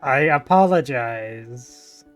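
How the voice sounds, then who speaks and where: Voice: mid-range voice, lively intonation, faint music behind. A tabletop game player chatting and joking, laughing often. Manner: laughing, quick joking asides. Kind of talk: casual tabletop game chat.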